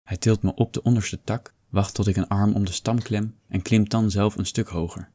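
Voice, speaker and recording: A man narrating in a low, husky voice with a dark, mellow tone. He reads a first-person story steadily, and the close, dry recording leaves no room sound. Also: steady tone, moderate pace, dry recording. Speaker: audiobook reader.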